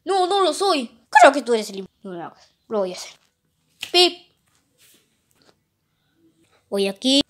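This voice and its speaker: A woman with a high voice acts out a video game in playful plush-toy role-play, jumping quickly between excited, squealing character voices.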